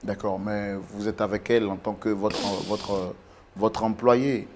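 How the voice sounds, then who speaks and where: A man playing a mediator who calmly and formally tries to settle a couple's quarrel, speaking. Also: lowish voice, noisy background, natural voice. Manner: calm, formal, measured. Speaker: mediator on a couple-counseling show.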